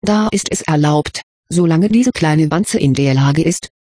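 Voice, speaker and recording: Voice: mid-range voice, a little slow, a little mellow, breathy edge, no room sound, studio quality. A reader voicing a mocking, arrogant older teenage boy from a foreign school, in a storybook reading. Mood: scornful. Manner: mocking, condescending.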